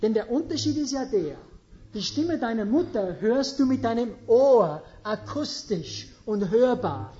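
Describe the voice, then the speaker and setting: A woman's voice: a little high, big pitch swings, unhurried, mellow, lo-fi sound. A woman preaching a sermon, questioning her audience and stressing her points emphatically.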